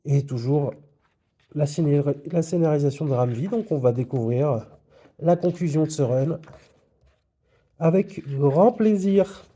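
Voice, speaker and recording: A man's voice: fairly high pitch, a little slow, pauses often, warm tone. A man presenting his comic book purchases in a casual video, with frequent hesitations. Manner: hesitant, many fillers. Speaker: comics vlogger.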